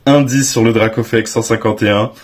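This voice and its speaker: A young man with a French accent, giving casual, excitable commentary as he reveals graded trading cards, exclaiming often with slang. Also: medium pitch, fast talker, slightly rough. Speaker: card collecting YouTuber.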